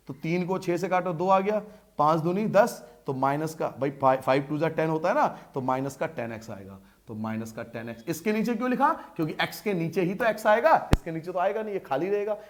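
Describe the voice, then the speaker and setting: A man teaching a maths lesson at a board, talking in a lively, coaxing way and asking and answering his own questions. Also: on the high side, slight background noise.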